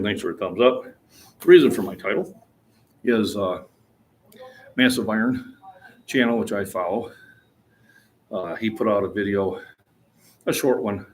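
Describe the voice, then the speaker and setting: A fitness vlogger in his sixties chats casually in the gym about his lifting, plainspoken and rambling, with an easy chuckle. His voice is lowish, and there's a little hiss or hum on the recording.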